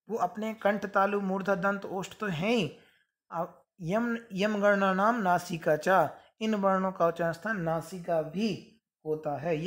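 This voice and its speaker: A woman teacher explaining a lesson, spelling out sounds one by one in a careful, deliberate way. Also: on the low side, fairly bright tone. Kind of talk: classroom lesson.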